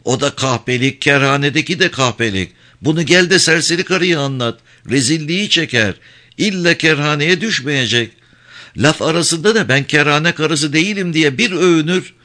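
A man's voice: a little high, sharp tone, voice pushed up. A man reading a novel aloud, voicing a worldly, outspoken woman who talks bluntly. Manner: blunt, unabashed and mocking. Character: brash, worldly woman, a seasoned streetwalker.

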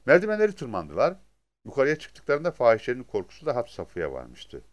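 A man reading a crime novel aloud as scripted narration, in a dramatic, expressive way. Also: medium pitch, brisk. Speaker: audiobook narrator.

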